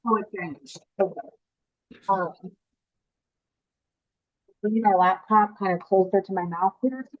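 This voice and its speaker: A woman's voice: medium pitch, steady tone, a little slow, pauses often. Apologetic woman on a muffled laptop mic. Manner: apologetic, hesitant, restarts often. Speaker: department policy advisor. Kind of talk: remote testimony to a committee. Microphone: laptop microphone on a video call.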